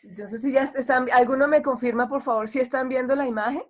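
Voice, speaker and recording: A woman's voice: high-pitched, steady tone, fast talker. A woman pastor preaching an online sermon in a conversational way, acting out the complaints of the people she quotes.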